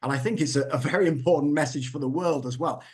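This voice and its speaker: A man giving an explanatory educational talk as an experienced instructor, measured and emphatic in how he makes his points. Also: fairly high pitch. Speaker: physics instructor and school director.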